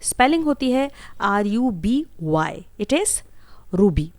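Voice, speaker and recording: A woman's voice: mid-range voice, big pitch swings, slow, darkish tone, no echo. A woman teaching English vocabulary, saying each word, spelling it out letter by letter and repeating it. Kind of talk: slow explanatory vocabulary lesson.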